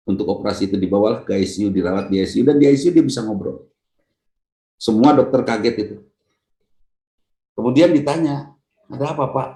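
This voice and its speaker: Male preacher, Sundanese accent, mellow tone, lively storytelling sermon, roomy echo. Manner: lively storytelling, jumps to a high voice to act out lines; addresses listeners by name. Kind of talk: Islamic study sermon.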